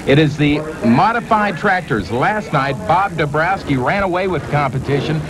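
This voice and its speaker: A man's voice: a little high, lively intonation, moderate pace, music in the background. A man commentating as a tractor pull announcer on a televised competition.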